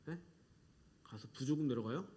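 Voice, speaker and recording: Speaking at medium pitch and normal speed, a middle-aged pastor preaches with animation, performing quoted voices and at times lowering to a gentle whisper.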